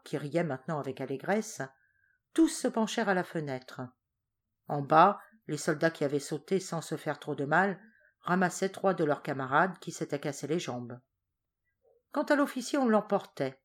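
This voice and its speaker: Audiobook narrator, woman, slightly low voice, steady and expressive reading of a novel. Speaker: audiobook reader.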